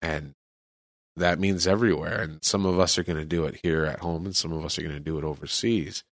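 A man's voice: a bass voice, fairly even intonation, a little fast, dry recording, clean studio sound. A man from California, a missionary, talking earnestly about faith in an interview. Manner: earnest, preacherly.

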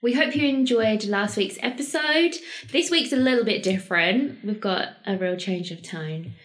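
A woman's voice: medium pitch, lively intonation, normal speed, a bit bright. A young British woman co-hosting a podcast in a casual, conversational way, reasoning things through as she explains them. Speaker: podcast co-host.

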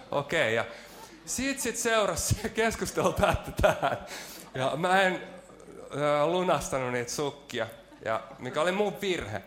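A man's voice: on the high side, animated, long pauses, fairly bright tone. A man preaching a sermon in a church, telling a personal story with self-mocking jokes and frequent hesitant fillers.

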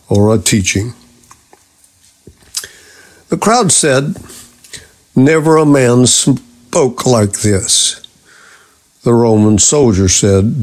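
Slow, low-voiced man teaching scripture. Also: a little mellow. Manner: measured, deliberate delivery citing scripture. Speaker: radio apologetics teacher.

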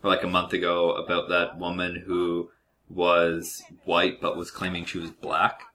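A young man co-hosting a podcast in an office, chatting casually in a deadpan, rambling way. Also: sits low, unhurried. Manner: deadpan, rambling jokey delivery. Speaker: podcast co-host. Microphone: podcast mic.

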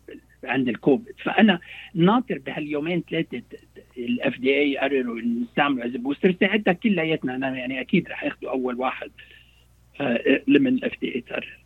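Husky, fast-talking Lebanese man on a phone-like line. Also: medium pitch, no room sound. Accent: Lebanese Arabic. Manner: halting, repeats words, mixes in English terms. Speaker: doctor interviewed as guest. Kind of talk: radio interview, explaining. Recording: thin phone-like radio line.

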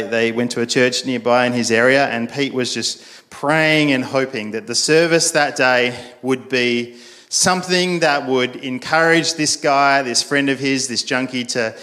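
A man preaches in a loose, conversational way. He tells stories with plenty of fillers and restarts, and his voice sits at a middle pitch. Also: fairly bright tone. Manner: casual storytelling, frequent fillers and restarts. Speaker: pastor. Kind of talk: sermon.

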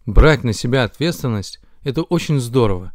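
A man voicing a kindly, calm old Santa Claus in a children's fairy tale, speaking low and softly. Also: a little fast, no echo, clean studio sound, natural voice. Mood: approving.

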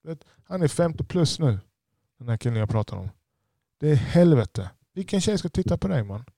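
A business owner with a lisp, giving a blunt, profane podcast monologue. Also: male voice, on the high side, very animated, vocal fry, warm tone, no echo, clean studio sound.

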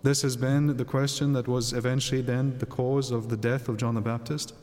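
Priest preaching in a long, echoing church reverb. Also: male voice, mid-range voice, little pitch movement, fairly quick, darkish tone. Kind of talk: Gospel reading and homily. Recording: long cathedral-like echo.

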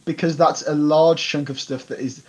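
A man's voice: fairly high pitch, fairly even intonation, normal speed, dull audio. Dry-humoured podcast co-host man. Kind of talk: casual chat.

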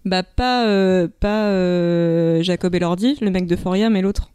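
A woman chats on a casual podcast, halting often as she searches for words. Her voice is smooth and clear, and the sound is dry and close. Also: on the low side, a little mellow, no echo. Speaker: podcast co-host. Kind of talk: casual group podcast chat.

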